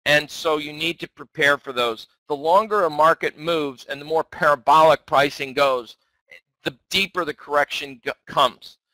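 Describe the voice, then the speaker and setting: Bright-voiced man giving market commentary. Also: a little high, moderate pace, no room sound, rough recording. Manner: conversational, self-correcting. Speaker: market analyst.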